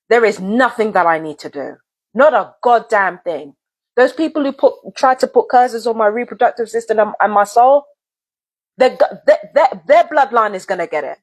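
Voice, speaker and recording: Husky high-voiced woman ranting angrily. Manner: angry, profane, repetitive. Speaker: vlogger. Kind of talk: heated direct-to-camera rant.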